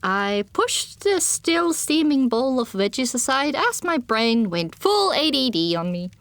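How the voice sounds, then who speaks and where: In a high-pitched voice at a measured pace, a female audiobook narrator reads fiction with expressive first-person storytelling.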